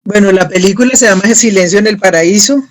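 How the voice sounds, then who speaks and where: A woman's voice: medium pitch, a little fast. A woman speaking as a guest in a public talk, reflective and hesitant as she leads a discussion.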